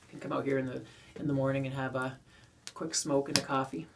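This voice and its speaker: Against a noisy background, a Canadian man with a gravelly mid-range voice rambles quickly with little pitch movement while smoking a pipe. He's filming for viewers in a small wooden shed, captured by a distant mic with poor acoustics.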